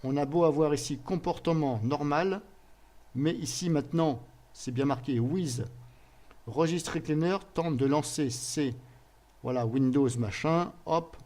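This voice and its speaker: A man narrating a screen-recorded software tutorial in a casual way, thinking aloud with frequent pauses and little filler words. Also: on the high side. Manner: casual, fills pauses with "voilà" and "hop"; thinks aloud, restarts and hesitates.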